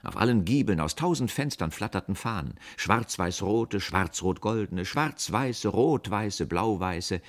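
A man reading a satirical story aloud in a wry, expressive first-person narration. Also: lowish voice, unhurried, few pauses.

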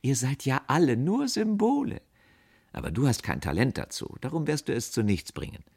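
A man's voice: very animated, quick pace, creaky, darkish tone, husky, exaggerated voice. A man voicing a young, dreamy, mocking woman who lectures in a raised, playful voice. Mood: teasing. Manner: teasing, lecturing in a lighter, higher voice.

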